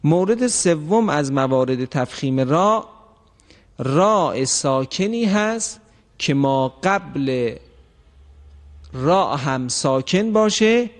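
Man teaching recitation rules, slow drawn-out examples. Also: a little high, lively intonation, in a large hall. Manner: explanatory, repeats example words slowly and drawn out. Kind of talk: lesson.

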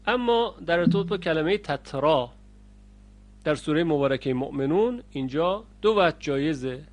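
Man teaching Quran recitation, chanting examples. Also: a little high. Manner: explains rules, then chants the example words slowly and loudly; addresses learners directly. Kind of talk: recorded lesson on Quranic readings.

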